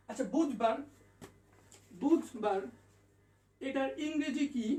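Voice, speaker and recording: An extremely high-pitched, darkish male voice leads an online English lesson, patiently saying each letter sound again and spelling it out. It's captured in an echoey room with the microphone at a distance.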